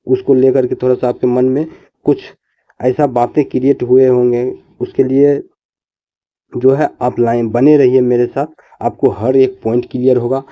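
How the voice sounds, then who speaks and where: A man teaching an online class, explaining slowly and answering his own questions. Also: mid-range voice, muffled recording.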